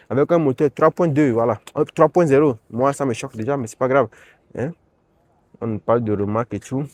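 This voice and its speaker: With a slightly high, darkish voice, a man gives casual commentary as he strolls around an outdoor used car auction lot, holding his phone to film. He rambles chattily, tossing in tags and asides.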